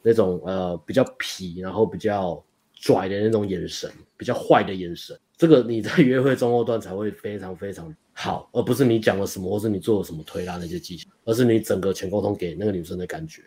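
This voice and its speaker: Rapid low-pitched male voice, young dating coach, rambling casual storytelling, frequent restarts. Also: a little mellow, slightly rough.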